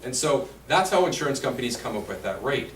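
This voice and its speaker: A very animated man of medium pitch talks fairly quickly through a conversational insurance presentation, quizzing the room as he goes. The seniors' residence meeting room comes across as roomy and distant, with a faint hiss.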